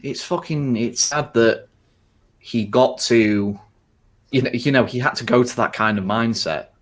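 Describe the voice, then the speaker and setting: A man's voice: medium pitch, unhurried. A man hosting a casual podcast chat, rambling with constant fillers and frequent swearing. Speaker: podcast host.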